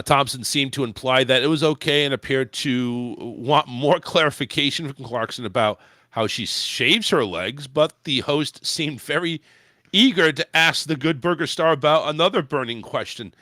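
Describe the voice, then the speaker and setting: A man's voice: medium pitch, lively intonation, normal speed, pushed and bright, no echo, clean studio sound. A man hosting a casual comedy podcast, crude and profane, rambling through celebrity gossip. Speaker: podcast host. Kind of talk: casual comedic chat, recapping celebrity news. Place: home studio in Florida.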